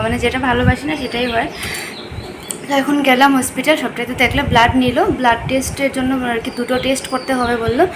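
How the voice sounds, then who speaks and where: Chatty young Bengali woman, high voice. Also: background noise. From West Bengal, India. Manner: chatty, plain-spoken, many fillers. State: unwell with stomach pain. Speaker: vlogger. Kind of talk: casual vlog narration. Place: at home and out and about.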